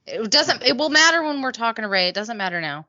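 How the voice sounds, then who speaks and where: A woman co-hosts a podcast with teasing banter, and her voice swings widely in pitch. Her tone is bright and sharp. The video call audio comes through somewhat muffled. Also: very animated, fast. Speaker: podcast co-host. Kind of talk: casual chat.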